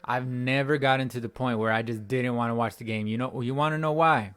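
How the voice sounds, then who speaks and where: A man's voice: mid-range voice, fairly even intonation, brisk, fairly bright tone, smooth. A young man hosting a fan channel, ranting in frustration after a game, repeating himself and rambling. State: voice cracking. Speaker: sports fan channel host. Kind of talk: post-game reaction rant. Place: at home.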